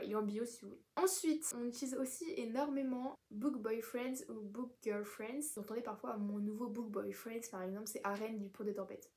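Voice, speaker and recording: A woman's voice: mid-range voice, darkish tone. A young woman from France explaining reading terms in a chatty, self-deprecating vlog, with many fillers. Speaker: book vlogger.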